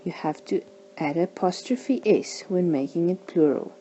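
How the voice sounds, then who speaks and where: A woman teaching a language lesson, saying each example word slowly and carefully. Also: fairly low pitch, warm tone, slight background noise, poor audio. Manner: slow, careful pronunciation of example words.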